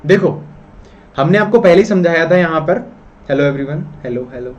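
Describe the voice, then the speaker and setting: A man with an Indian accent giving an online maths lecture, explaining slowly and checking in with his students over and over. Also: a little high, expressive. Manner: slow, repetitive explaining, checks in with "theek hai?". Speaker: maths teacher. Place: room with lights out. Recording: dull lo-fi sound with faint hiss.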